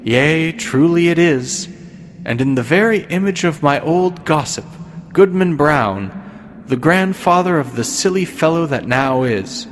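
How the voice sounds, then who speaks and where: The devil in the shape of an older traveler, as a male reader plays him, sly and mocking in archaic speech. He talks slowly and smoothly, and a long reverb hangs on every word. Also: fairly high pitch, lively intonation, pitched above the performer's own voice.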